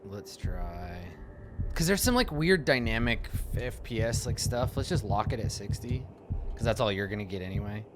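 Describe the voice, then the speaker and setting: A man's voice: fairly low pitch, animated, moderate pace, background noise. A man giving casual, goofy and irreverent commentary while streaming a video game. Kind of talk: casual, joking gameplay commentary. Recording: game music behind the voice.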